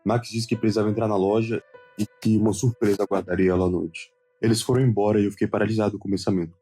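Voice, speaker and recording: A man narrating a first-person animated story in a wry, conversational scripted read. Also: fairly low pitch, fast talker, breathy edge, faint music behind.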